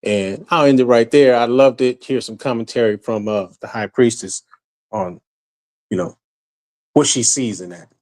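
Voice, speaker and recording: A man's voice: medium pitch, normal speed. Rambling man on a spiritual group call. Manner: casual, rambling with many restarts and fillers; self-described monotone. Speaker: community call participant.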